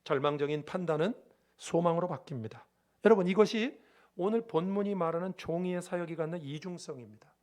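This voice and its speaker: A man's voice: high-pitched, fairly quick, a little mellow. A male pastor preaching a sermon emphatically, often asking the congregation rhetorical questions.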